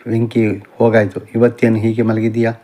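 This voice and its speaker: A man voicing an anxious middle-aged mother in an audiobook novel, pleading and scolding softly. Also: on the low side, monotone, brisk, close to an everyday voice.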